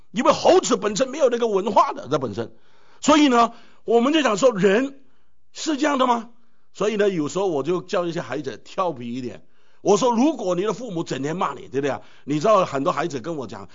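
A man delivering a sermon in a high, lively voice that leaps up and drops low again and again. He keeps turning to his listeners with rhetorical questions. The recording is dull and lo-fi. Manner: animated preaching with many rhetorical questions. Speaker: pastor.

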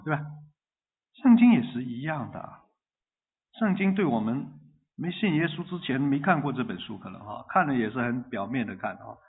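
A man preaching a sermon in a lively way, asking the congregation questions and repeating phrases in rhythm. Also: fairly high pitch. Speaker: pastor. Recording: tinny phone-like line.

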